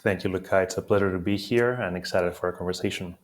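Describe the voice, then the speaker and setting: Male guest from Greece, very deep even delivery, measured and explanatory, lots of "uh" fillers. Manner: steady explanatory talk with frequent "uh" fillers. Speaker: guest, payments executive. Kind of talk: conversational interview answers.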